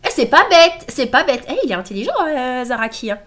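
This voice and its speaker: Excitable woman w a stuffy nose, pretty nasal, kinda high voice, reacting to anime out loud. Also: fairly quick. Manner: excitable, exclaiming and laughing between read-out subtitles.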